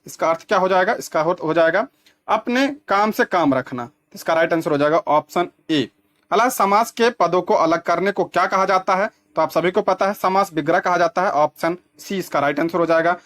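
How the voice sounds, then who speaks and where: A man's voice: sits high, moderate pace, fairly bright tone. A man teaching as an exam coaching teacher, explaining practice questions step by step and repeating key terms to check that they sink in.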